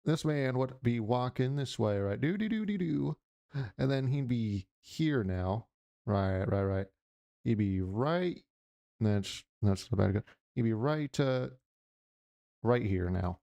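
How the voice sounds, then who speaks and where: Gravelly, rambling man with a dark tone. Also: fairly low pitch, slow, dry recording. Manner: rambling, jokey, mimics noises. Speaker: reaction channel host. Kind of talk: casual reaction commentary.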